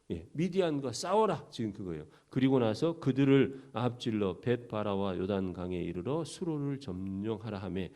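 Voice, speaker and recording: A man, a pastor, giving an early-morning sermon. He reads scripture, explains it in plain speech, asks the listeners questions, and acts out quoted lines with sudden loud outbursts. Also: on the low side.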